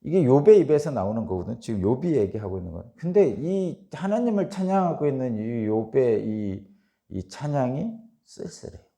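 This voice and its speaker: A man's voice: medium pitch, sing-song, moderate pace, vocal fry, warm tone. A man preaching a dawn-service sermon in a conversational way, asking his listeners rhetorical questions and reading scripture aloud with rising emphasis. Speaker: pastor.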